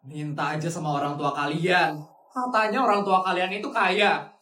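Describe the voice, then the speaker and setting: Gentle, soothing wealthy aunt, voiced by a woman; low and soft, roomy echo. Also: steady tone, moderate pace, recorded from a distance, slight background noise, close to an everyday voice. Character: kind wealthy middle-aged aunt.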